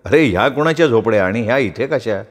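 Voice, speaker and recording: A man voicing a quiet, modest ex-convict who speaks hesitantly and slowly. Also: mid-range voice, lively intonation, lightly acted. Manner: hesitant, slow. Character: quiet, modest middle-aged ex-convict newcomer.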